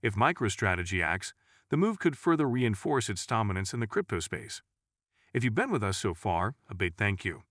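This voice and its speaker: A man narrating scripted market news in an even, read-aloud delivery. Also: lowish voice, moderate pace, no echo, clean studio sound.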